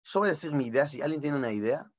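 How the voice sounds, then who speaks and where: Animated rabbi giving a talk. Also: male voice, a little high, racing, no echo, muffled recording. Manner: lively, animated, mixes Hebrew words, self-correcting. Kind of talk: informal spiritual talk with questions.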